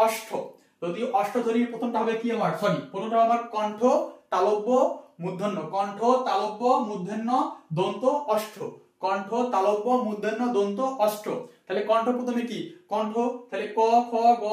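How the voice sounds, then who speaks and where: High-voiced man tutoring in an echoey room. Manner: repetitive, quizzing, asks "ঠিক আছে?" often. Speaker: admission test tutor. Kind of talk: spoken grammar lesson. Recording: echoey room, distant from mic.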